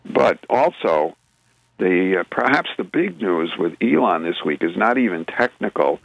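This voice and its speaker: A man's voice: low-pitched, very animated, measured pace, vocal fry, no echo, highs cut off. A man co-hosting a radio talk show, explaining the news in a rambling way full of restarts and filler sounds. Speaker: radio show co-host presenting news segments. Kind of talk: casual radio chat.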